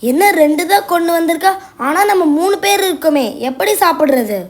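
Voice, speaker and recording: A woman doing a sassy high-voiced girl. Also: brisk. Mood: pleased. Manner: sassy, complaining. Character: sassy young girl Swetha. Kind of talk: doll-play story voicing.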